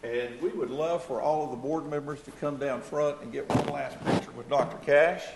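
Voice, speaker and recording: A man giving a formal speech at a public meeting, halting with many fillers and frequent throat-clearing. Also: medium pitch, steady tone. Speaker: board member presenting an award. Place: large meeting hall. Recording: echoey hall, faint room noise.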